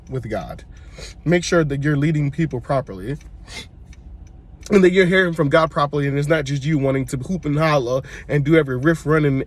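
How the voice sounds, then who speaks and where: A man from Brooklyn, a church worship singer telling personal stories in a chatty way. He is congested, often corrects himself and speaks straight to his viewers. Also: on the high side. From Brooklyn, New York. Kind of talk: casual personal storytelling to camera.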